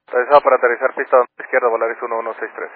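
Un hombre, piloto de aerolínea, que colaciona instrucciones por la radio de cabina con frases rápidas y cortadas. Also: male voice, mid-range voice, level tone. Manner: quick, clipped radio phrasing. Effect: cockpit radio transmission over headset. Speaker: airline pilot. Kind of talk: radio readback to air traffic control. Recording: tinny radio band with loud static.

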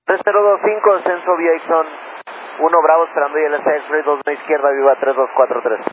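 A man's voice: fairly high pitch, steady tone, quick pace. A man, speaking as an airline pilot over a radio link in clipped readbacks. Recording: tinny, noisy radio transmission.

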